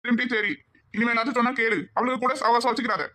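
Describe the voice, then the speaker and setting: A man's voice: extremely high pitch, steady tone, fast talker, pushed and bright. A man playing a reproachful village husband who lectures his wife in a southern Tamil village dialect. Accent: southern Tamil Nadu village dialect. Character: scolding village husband, told-you-so type.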